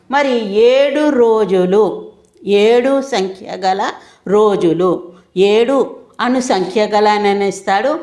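Telugu teacher woman quizzing herself. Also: medium pitch. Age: middle-aged. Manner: asks and answers her own questions, repeats terms. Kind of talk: grammar lesson.

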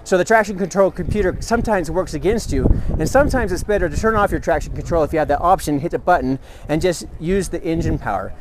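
With a fairly high pitch, quick pace and few pauses, a man in his thirties shows off a product hands-on at an outdoor expo booth, background noise audible. As the product rep, he explains eagerly, recorded by a camera mic several feet away.

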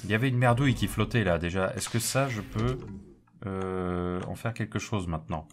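A man's voice: low-pitched, moderate pace. A man hosting a let's play, chatting casually and jokingly as he thinks aloud through the game. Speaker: gaming video host. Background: game music.

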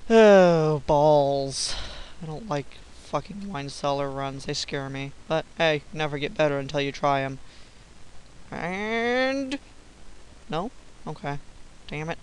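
A young man giving casual, silly commentary over his own gameplay, swearing often and breaking into yells. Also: fairly high pitch, smooth, poor audio. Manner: swearing, silly, bursts of yelling. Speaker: gamer recording gameplay.

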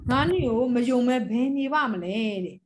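A woman's voice: fairly high pitch, animated, normal speed, very noisy. A woman teaching a Chinese class, explaining phrases and calling on students to read. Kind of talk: classroom instruction.

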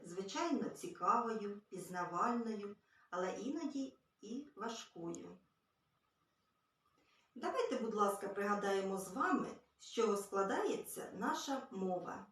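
A woman teaching a literacy lesson to small children, gently and patiently. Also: medium pitch. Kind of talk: early-years literacy lesson. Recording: very echoey room, far from mic.

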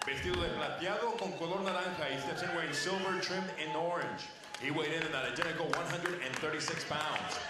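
A middle-aged man working as a bilingual boxing ring announcer, calling fighters in a grand lucha libre style with drawn-out, shouted names. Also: sits high. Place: boxing ring in a large arena. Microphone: handheld microphone. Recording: echoey, noisy arena public address.

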